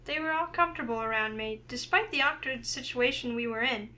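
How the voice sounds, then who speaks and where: A woman plays a curious, introspective young heroine, reading her thoughts and lines from a visual novel aloud with earnest expressiveness. Her voice is a little high and brisk, and the mood is pensive.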